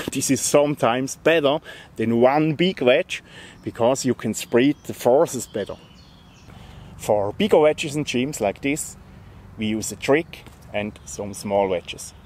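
Speaking slowly in a slightly mellow, medium-pitched voice, a man whose native language is German explains a bushcraft task step by step in a forest. As the instructor of this outdoor demonstration, he stays plain and friendly, and there's slight background noise.

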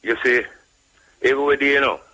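A man's voice: medium pitch, steady tone, a little fast, sharp tone, rough recording. A man from Jamaica with a Jamaican accent, calling in to a radio show and talking casually, emphatic and full of repeated tag phrases. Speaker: radio caller. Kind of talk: casual call-in talk.

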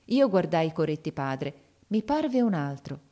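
Woman audiobook narrator, lowish voice, expressive classic-novel reading. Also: a little slow. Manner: expressive reading, voicing the characters' shouts.

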